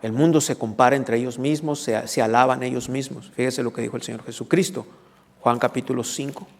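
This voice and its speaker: In a church hall with long reverb, a pastor preaches a teaching sermon, unpacking scripture and regularly questioning the congregation. His medium-pitched voice is steady in tone with some vocal fry, and he talks fairly quickly.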